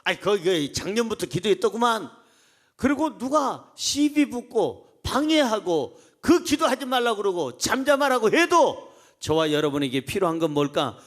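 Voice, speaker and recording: He preaches at a normal speed in a high voice, playing out crowd voices with animation. The pastor also calls his congregation to join him in reading aloud.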